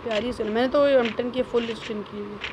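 A woman streamer giving excited gameplay commentary, teasing teammates and shouting quick calls. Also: on the high side. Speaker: gaming streamer. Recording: noisy game stream audio.

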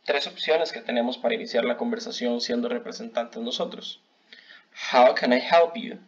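A man teaching a bilingual customer service English lesson, modeling phrases slowly for learners to repeat. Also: mid-range voice. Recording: dull lo-fi recording.

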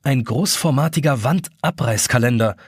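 A man's voice: mid-range voice, normal speed, husky, dry recording, clean studio sound. A man reading an audiobook as narrator, telling the story expressively. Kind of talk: scripted narration.

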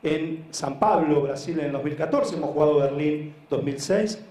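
At a moderate pace, this Argentine man delivers an informal conference talk with storytelling, his Buenos Aires-accented voice on the high side and dark in tone. He runs a social sports foundation and speaks earnestly and emphatically, repeating words and checking on listeners; the live room echoes.

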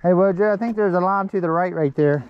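A man's voice: high voice, fast, highs cut off, a little hiss or hum. A man chatting and joking out of breath while riding a mountain bike trail outdoors. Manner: laughing, joking, thinking out loud. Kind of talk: casual chat while riding.

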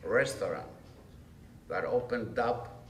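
A middle-aged man from Greece speaks slowly and earnestly to a crowd as a chef on a panel, his voice at an ordinary pitch. He talks into a table mic in a large function room. The camera is well back, so the sound is distant, roomy and carries faint room noise. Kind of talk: panel talk at a trade event. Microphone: table mic on a stand, camera at a distance.

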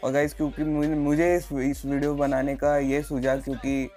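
A man's voice: on the high side, level tone, normal speed, dark tone, faint music behind. A young man hosting a tech video channel in a casual, chatty way, calling his viewers guys and using lots of filler sounds. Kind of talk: casual vlog talk.

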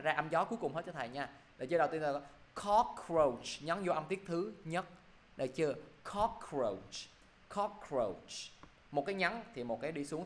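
Male English teacher, slightly high voice, patient drilling, constant check-ins. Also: a bit bright. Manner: repeats "được chưa" constantly, drills words slowly. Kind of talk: online pronunciation class.

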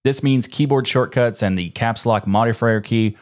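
Speaking to camera at a moderate pace in a mid-range voice, this man in his thirties delivers a scripted but conversational tech explainer with personal tangents. He works from a small indoor home studio, close to a broadcast mic mounted on a boom arm.

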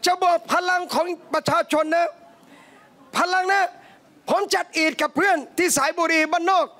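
A man with a strikingly high voice preaches a lively sermon to a live audience, telling animated stories. He keeps turning to his listeners as brothers and sisters. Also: moderate pace. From southern Thailand. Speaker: Islamic preacher. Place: cafe hall, live talk.

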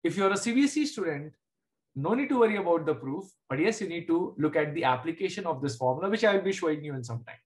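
A man's voice: fairly high pitch, animated, fast. Casting: male maths teacher, middle-aged, Indian accent, informal live online class, frequent short check-in questions. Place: indoors at a desk, screen-share video class.

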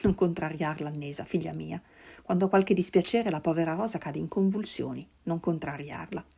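A woman voicing a frail, gentle elderly noblewoman in a storybook reading, soft and entreating. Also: low-pitched, fairly quick, vocal fry, husky, exaggerated voice.

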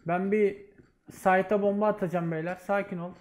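A man leading his team, shouting quick commanding callouts during a match. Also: sits high, steady tone. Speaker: team leader and streamer. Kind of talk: live game commentary and callouts.

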